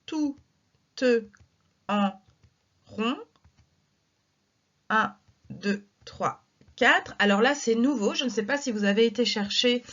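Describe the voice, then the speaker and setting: A woman teacher going through exercise corrections in a recorded lesson, counting syllables aloud with slow, careful delivery. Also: fairly high pitch, a bit bright, dull audio.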